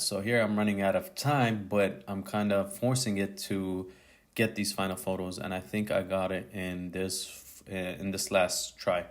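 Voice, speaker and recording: A male photographer narrating his tutorial video as a voice-over, in a casual, slangy way that sounds like thinking aloud. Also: low-pitched. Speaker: photographer and YouTuber.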